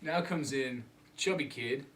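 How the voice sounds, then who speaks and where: A man's voice: mid-range voice, measured pace. A man casually retelling a film plot in a comedy bit, rambling and laughing as he goes. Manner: rambling, laughing, animated storytelling with voices. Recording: distant mic with loud room noise.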